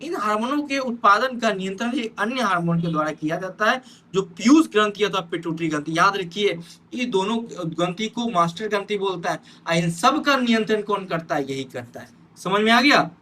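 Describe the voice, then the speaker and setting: A man's voice: high voice, lively intonation, a little fast, pushed and bright. A man teaching an exam-prep lesson, talking straight to his students and checking in often with "theek hai". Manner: addresses students directly, pointing at notes.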